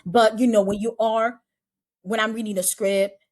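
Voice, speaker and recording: A woman's voice: on the high side, little pitch movement, moderate pace, a little mellow. A woman casting director chatting in an interview, repeating and restarting her phrases as she talks. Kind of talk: casual interview chat.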